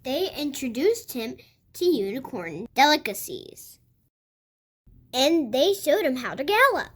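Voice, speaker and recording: A child reading a picture book aloud for other kids, with expressive, emphatic storytelling. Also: sits high, measured pace. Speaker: host of a read-aloud channel.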